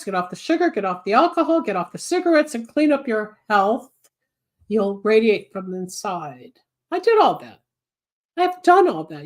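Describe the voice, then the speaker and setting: Fairly high in pitch with a somewhat dark tone, a woman in her 70s delivers a long, rambling solo monologue on her live psychic advice show. She's chatty, switches topics freely, gives advice, and reads what viewers comment, though she's congested and coughing from a cold she's recovering from.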